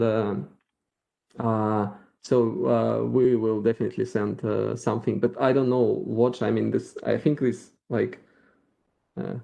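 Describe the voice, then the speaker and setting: Gravelly Russian-accented man demoing software. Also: fairly low pitch. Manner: thinking aloud while clicking through a demo, halting restarts. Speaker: featured speaker at a developer meetup. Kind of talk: live software demo presentation.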